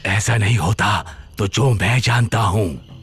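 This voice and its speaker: A calm, knowing old man. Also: lowish voice, faint music behind. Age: older. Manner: slow, knowing, measured speech. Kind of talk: dubbed film acting.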